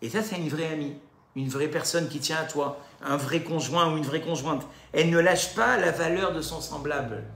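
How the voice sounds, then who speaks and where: A man leads a recorded religious lesson, speaking directly to his audience and peppering it with rhetorical questions. His voice sits a little high with a gravelly edge. The room gives it a noticeable echo. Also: normal speed. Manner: lively, addresses listeners directly with rhetorical questions. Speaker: religious teacher. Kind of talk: recorded Torah class lecture.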